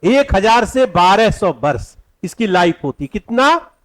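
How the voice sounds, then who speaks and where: A male teacher with a high, very animated voice leads an exam-prep class in a classroom. He keeps asking the students questions and answering them himself. He dictates each point slowly, over and over.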